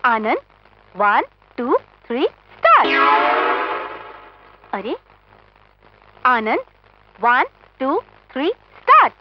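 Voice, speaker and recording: An actress playing a playful, chatty younger sister in a film. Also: female voice, high-pitched, sing-song, very slow, long pauses, heavily acted. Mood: worried. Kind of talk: film acting. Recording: dull film audio with faint noise.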